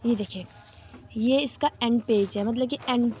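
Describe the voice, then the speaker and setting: A woman teaching a reading lesson step by step, patient and slow, repeating each rule. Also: on the high side, a little mellow, slight background noise. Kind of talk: step-by-step Arabic letters lesson.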